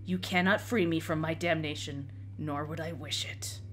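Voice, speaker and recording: A woman voicing a doomed, bitter undead knight in a tabletop game, with a raspy, breathy voice and a grave, menacing manner. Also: low-pitched, fairly even intonation, moderate pace, slight background noise, pitched below the performer's own voice, close to an everyday voice. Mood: grim, threatening. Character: doomed undead knight corpse, cold, bitter, centuries old. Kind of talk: in-character tabletop game role-play.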